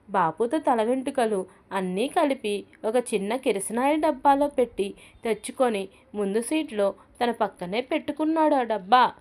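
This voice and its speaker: Lady storyteller reading a funny story, kinda high voice, lively. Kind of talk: reading a humorous short story aloud.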